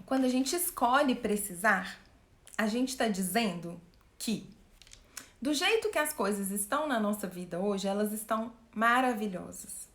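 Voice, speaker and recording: A woman coach speaking live to her viewers, animated, asking them questions and acting out what people say. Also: medium pitch, measured pace, echoey room. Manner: animated, asks the audience questions, acts out quotes. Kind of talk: live-stream talk to viewers.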